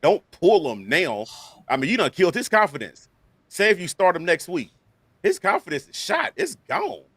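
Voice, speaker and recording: A male co-host gives his take in loose, colloquial speech and laughs through his points. His voice sits a bit high and swings widely in pitch. The sound is dry. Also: huge pitch swings, normal speed, a bit bright, husky, no room sound. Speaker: sports show co-host. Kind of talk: casual sports talk.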